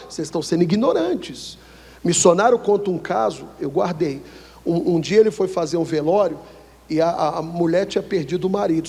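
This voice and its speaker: A man with a Brazilian Portuguese accent preaching a sermon, asking the church questions and swinging from loud high lines to low quiet ones. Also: gravelly, husky. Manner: asks the church questions for them to answer. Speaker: pastor. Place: church hall. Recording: long reverb of a church hall.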